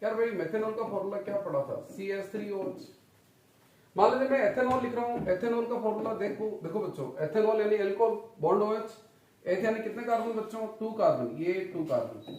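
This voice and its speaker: A man's voice: sits high, lively intonation, brisk, a little mellow, distant mic. A man teaching a chemistry lecture, quizzing his students with repeated questions and calling them children. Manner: calls students "children" and "son". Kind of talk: classroom lecture. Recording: very echoey room, voice off-mic.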